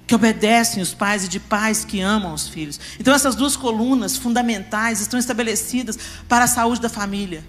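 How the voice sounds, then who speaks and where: A woman's voice: a little high, a little fast, hardly any pauses. A woman preaching a sermon at a church family congress, speaking emphatically and putting questions straight to the congregation. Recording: reverberant church hall with music.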